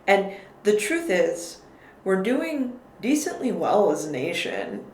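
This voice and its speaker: Her mid-range voice swoops wildly in pitch as she takes things slowly, a woman guest on a podcast weighing her words in a casual talk about politics. She often begins sentences again. Faint noise and echo fill the room.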